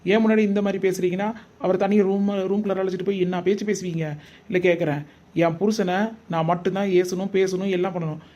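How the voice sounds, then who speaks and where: A man's voice: high voice, little pitch movement, fast, mellow, dull audio, close to an everyday voice. A man voicing a manipulative young wife in a cartoon, sulking, fake-crying and snapping back. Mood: defiant. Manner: whiny, sulky, pointed retorts. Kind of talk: cartoon comedy voice acting.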